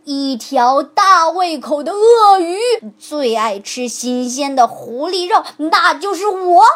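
A woman voicing a brave little male talking bone who shouts and scolds. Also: high voice, lively intonation, slow pace, voice pushed up, full character voice. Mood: bold.

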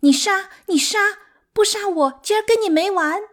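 A woman's voice: extremely high pitch, moderate pace, voice pushed up. A woman voicing a hysterical, sobbing concubine who screams her lines in an audiobook. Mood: wailing hysterical.

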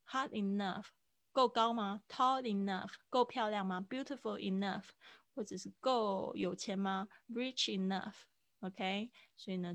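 A woman patiently explains English phrases to students in a live online class. Her voice has a gravelly edge, and the sound is dry and close, with no room behind it. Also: mid-range voice, no room sound. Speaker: English teacher.

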